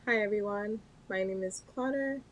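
A woman from Haiti introducing herself on a video call panel in a friendly, measured way. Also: medium pitch, a little hiss or hum, low-quality recording. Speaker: panel guest. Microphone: video call webcam.

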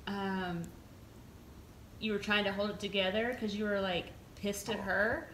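A woman telling a funny story in a casual chat, acting out the lines of others with lively mimicry. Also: unhurried, reverberant, slight background noise, low-quality recording. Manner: animated, mimics others in a higher voice. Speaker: storyteller recounting events.

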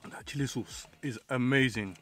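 A man reviewing food in a casual vlog, talking with his mouth full while chewing, excitable and quick to exclaim. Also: medium pitch, over loud music.

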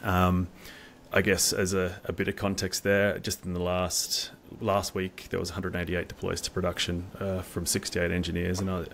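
A middle-aged staff software engineer, low-pitched with vocal fry, talks as a guest in an informal technical interview, often repeating words. He is on a video call using wireless earbuds, with slight background noise.

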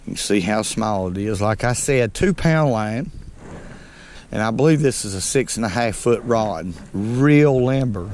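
A man's voice: lowish voice, animated, a little mellow. A middle-aged man with a Southern American accent from North Alabama, chatting unhurriedly to viewers while fishing from a small boat on a lake. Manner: folksy, unhurried, talks to viewers as "folks". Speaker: fishing channel host. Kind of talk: casual fishing commentary. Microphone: head-mounted action camera.

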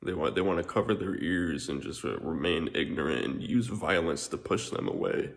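Deep, creaky-voiced man; rambling, filler-heavy, profane monologue. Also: normal speed. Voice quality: frequent filler words and swearing, repetitive. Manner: meandering, restarts, occasional laughs.

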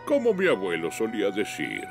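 A man voicing a good-natured cartoon vehicle, gravelly and kindly. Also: on the low side, huge pitch swings, a little fast, music in the background, full character voice. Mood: kindly, reassuring. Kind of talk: animated cartoon dub.

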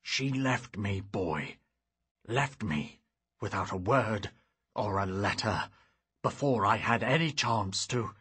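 A deep, growling old tyrant king, stern and full of wrath, as an audiobook narrator puts him on. He speaks slowly with a husky, breathy edge and a forceful, bright tone. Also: lively intonation, heavily acted. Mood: grim. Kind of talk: audiobook character reading.

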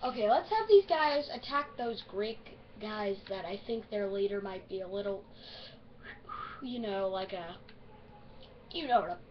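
A woman with the hiccups giving rambling, excitable let's-play commentary on a strategy game. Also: medium pitch, unhurried, pauses often, lo-fi sound, a little hiss or hum. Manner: chatty, easily excited, rambling. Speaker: gaming video host.

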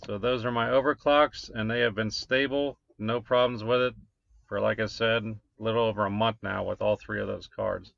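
A man's voice: lowish voice, steady tone, moderate pace, vocal fry, a bit bright, no echo. A man, casually walking through his crypto mining numbers, rambling with many fillers. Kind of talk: casual screen-share walkthrough. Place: small room at a desk. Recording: dull lo-fi desk recording.

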